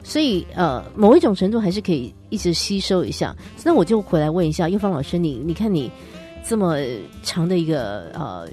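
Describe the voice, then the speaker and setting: A woman's voice: fairly low pitch, very animated, brisk, warm tone, faint music behind. A woman from Taiwan hosting a podcast interview, asking questions casually and giving many short affirmations. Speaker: podcast host.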